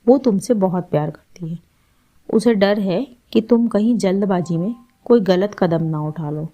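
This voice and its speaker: A woman voicing a calm, caring aunt who gently reassures and advises, in a storybook reading. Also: medium pitch, a little slow, lightly acted. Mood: gentle.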